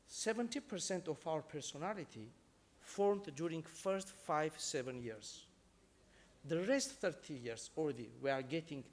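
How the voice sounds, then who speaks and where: A man with an Armenian accent giving an earnest, somewhat halting speech as a judge moderating a conference panel. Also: on the high side. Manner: earnest, halting non-native phrasing.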